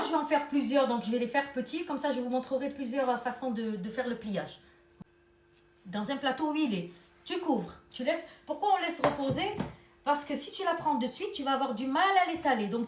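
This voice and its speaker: In an echoey home kitchen with some faint noise, a Tunisian-accented cooking host talks briskly in a high voice. Her tutorial is casual and warm, and she speaks to viewers as if they were her own daughters and children, calling them girls and children.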